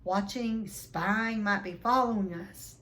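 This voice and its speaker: A woman's voice: medium pitch, takes it slowly, fairly bright tone. A woman voicing a blustering, bullying middle-aged uncle who barks and snaps, in a storybook reading. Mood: muttering, panicked. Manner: barking, snapping, muttering wildly.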